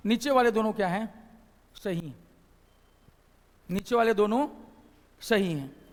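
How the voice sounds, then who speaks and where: High-voiced Bihari teacher in an echoing hall. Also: male voice, expressive, takes it slowly. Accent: Bihari Hindi. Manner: explanatory, repeats phrases and asks questions to the class. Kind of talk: classroom lecture.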